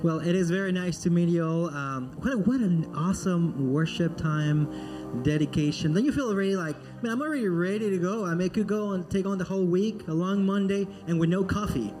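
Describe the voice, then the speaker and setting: In a church sanctuary, a Peruvian missionary addresses the congregation with music playing behind him. His voice is high and brisk; he starts out friendly and joking, then turns earnest as he leads prayer.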